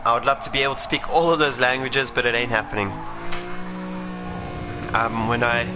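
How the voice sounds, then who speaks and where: With game engine noise and racing car sounds in the background, a South African man talks at a moderate pace in a medium-pitched voice. He's a racing driver chatting and thinking aloud as he streams a sim racing game.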